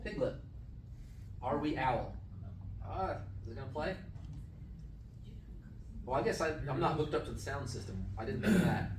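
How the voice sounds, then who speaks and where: A man giving a casual lesson at a camp, retelling a story with animated energy and often asking his listeners if they follow. His voice sits a bit high, and it is picked up from a distance in an echoey room with faint ambient sound behind. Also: normal speed, long pauses, background noise. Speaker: camp speaker teaching a class.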